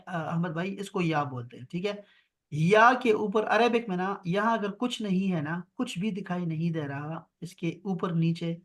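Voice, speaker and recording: A man teaches an online grammar lesson over a video call. His voice sits fairly high, and he keeps a patient, reassuring manner, drawing out and repeating each word.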